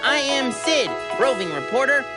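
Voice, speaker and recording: A woman's voice: high-pitched, lively intonation, moderate pace. A woman voicing a curious, upbeat little boy in a preschool cartoon, chirpy and inquisitive like a young reporter. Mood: confident, upbeat. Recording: loud music behind the voice.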